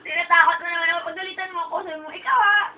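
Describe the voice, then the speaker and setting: A woman's voice: extremely high pitch, little pitch movement, rapid-fire. A woman in a casual home video, playful and teasing, laughing often. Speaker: vlogger. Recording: tinny phone-like sound, faint noise.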